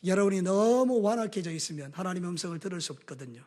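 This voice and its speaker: A man with a Gyeongsang Korean accent preaching a sermon as a pastor, animated, mixing homely stories with call-and-response in a church. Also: high-pitched, fast.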